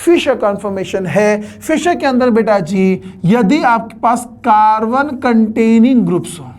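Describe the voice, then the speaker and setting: A man's voice: high voice, animated, takes it slowly, darkish tone. A man teaching chemistry to a class in a joking lecture, teasing the students and making playful mock threats.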